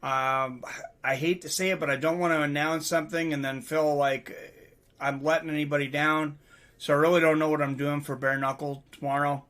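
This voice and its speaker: A man's voice: a little high, little pitch movement, moderate pace, a bit bright. A man hosting a casual online show, chatting loosely about fights and signing off in a rambling way. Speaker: host. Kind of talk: casual chat.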